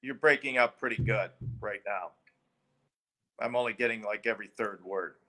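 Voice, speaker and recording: A man talking over a remote call whose audio breaks up, sounding distant and cutting out, in a halting, casual way. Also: on the low side, pushed and bright. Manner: halting, with frequent fillers. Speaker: interview guest on a remote call. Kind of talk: casual conversation.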